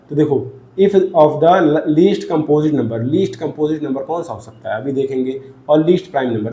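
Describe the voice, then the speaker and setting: A man's voice: a little high, warm tone, roomy sound, a little hiss or hum. A man teaching a maths lesson, talking through each step of the sums aloud and answering his own questions as he goes.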